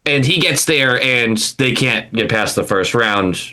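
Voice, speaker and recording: A man co-hosting a sports podcast in casual chat, animated and quick to laugh, often restarting his sentences. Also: medium pitch. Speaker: podcast co-host.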